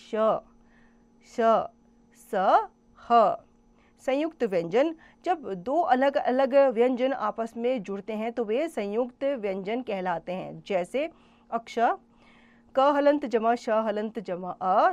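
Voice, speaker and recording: Slow, careful female grammar teacher. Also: fairly high pitch, darkish tone, highs cut off. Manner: slow, careful explanation, spells out letters one by one; addresses children directly with questions. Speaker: school teacher. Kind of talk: classroom grammar lesson.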